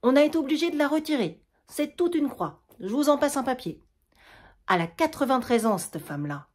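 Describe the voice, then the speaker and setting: A woman's voice: high voice, sing-song, fairly quick, voice pushed up. A woman doing a harried Quebec housewife. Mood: complaining. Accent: Quebec French. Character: harried middle-aged housewife caring for her mother-in-law.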